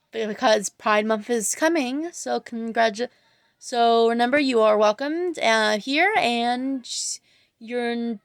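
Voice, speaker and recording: Girl chatting over her art vid, kinda high, gravelly fry, lots of ums and restarts. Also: no room sound, clean studio sound. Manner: rambling, hesitant, many fillers and self-corrections. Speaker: art channel creator, student. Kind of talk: casual voice-over while drawing.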